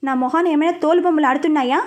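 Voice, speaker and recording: A touchy young office worker who is quick to take offense, voiced by a woman reading a storybook aloud. He talks in a defensive, irritated way, in a high and light voice. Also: darkish tone, close to an everyday voice.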